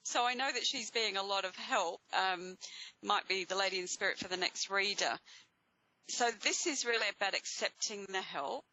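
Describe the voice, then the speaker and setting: A woman with an Australian accent and a bright voice, hosting psychic readings and speaking in a reassuring, encouraging way. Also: medium pitch, moderate pace, no room sound, lo-fi sound. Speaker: host giving live psychic readings to callers. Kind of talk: spiritual guidance talk to audience and caller.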